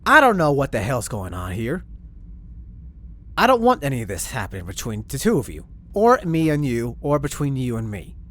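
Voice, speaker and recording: A man's voice: mid-range voice, wildly swooping pitch, normal speed. A man playing an exasperated starship captain. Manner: exasperated, swinging from shouting to muttering. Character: frustrated young male starship captain. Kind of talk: Minecraft roleplay acting.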